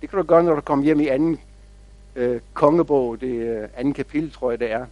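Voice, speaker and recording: A man pastor preaching a sermon, telling stories in a measured, reflective way with quiet pauses. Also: mid-range voice, fairly even intonation, dry recording, lo-fi sound.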